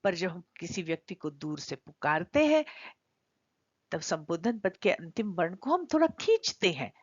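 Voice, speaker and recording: A woman's voice: lowish voice, big pitch swings, moderate pace, breathy edge, no echo. A middle-aged woman teaching Sanskrit grammar in a video lesson, explaining step by step and drawing out vowel sounds to show their length. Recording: dry, slightly dull lo-fi sound.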